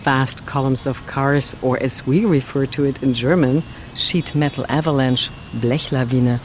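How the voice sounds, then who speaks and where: A man's voice: medium pitch, steady tone, unhurried, slight background noise. A man hosting and narrating a scripted documentary report in an explanatory way. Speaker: host, reporter. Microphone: close dry narration mic.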